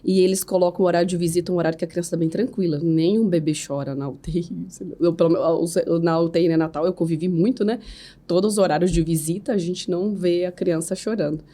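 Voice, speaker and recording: A woman's voice: fairly low pitch, fairly even intonation, quick pace, mellow. A woman in her thirties with a Brazilian accent, a podcast guest telling a personal story of faith in an earnest way, often adding "né?" as a tag. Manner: earnest, faith-filled storytelling with frequent "né?" tags. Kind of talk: emotional personal testimony.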